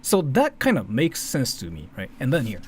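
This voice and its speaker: This Japanese-accented man has a mid-range, slightly mellow voice whose pitch swoops wildly, and he speaks at normal speed. As a streamer hosting casual live commentary, he rambles, repeats and interrupts himself, and swears casually, with faint background noise behind him.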